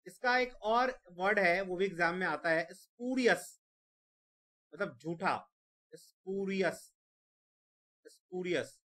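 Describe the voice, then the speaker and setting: A man's voice: sits high, bright, forceful tone. A man teaching vocabulary for an exam, repeating each word several times and spelling it out letter by letter. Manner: repeats words slowly, spells them letter by letter. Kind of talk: exam-prep vocabulary lesson.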